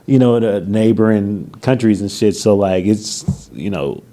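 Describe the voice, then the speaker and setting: Laid-back man with a low, mellow voice. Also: unhurried. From California. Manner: laid-back, swears casually, laughs often. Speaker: podcast host. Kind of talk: casual podcast conversation.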